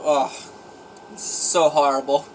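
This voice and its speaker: A man's voice: a little high, level tone, slow pace, a little hiss or hum, poor audio. A man filming an eating challenge vlog at home on a phone, groaning and complaining in an exaggerated, self-pitying way as he eats. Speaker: vlogger.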